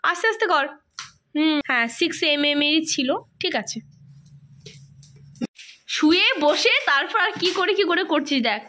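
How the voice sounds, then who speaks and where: A woman's voice: sits high, animated, measured pace, long pauses, pushed and bright, slight background noise. A woman in her thirties with a Kolkata Bengali accent and a cough, chatting to viewers at home in a rambling shopping haul vlog. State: has a cough. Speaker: lifestyle vlogger. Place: home room indoors. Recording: echoey room at home.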